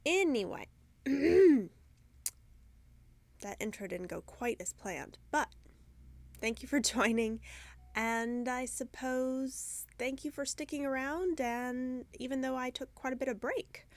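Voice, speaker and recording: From inside her yarn shop, a woman hosts her own video podcast, chatting alone into the camera mic in a loose, rambling way, poking fun at herself and losing her train of thought. Sinus trouble makes her voice croaky and congested; it sits high and moves slowly, in a dry recording.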